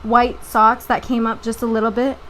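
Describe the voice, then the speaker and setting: A woman's voice: fairly high pitch, moderate pace, slight background noise, rough recording. A woman co-hosting a podcast, chatting casually and telling stories with lots of laughter. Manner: giggly, animated storytelling. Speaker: podcast co-host. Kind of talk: casual chat.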